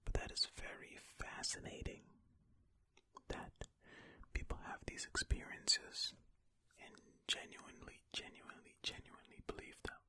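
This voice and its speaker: Whispering ear to ear into a close stereo ASMR mic, this host reads and comments in a tentative, musing way. The pace is a little slow and the tone sharp, with no echo.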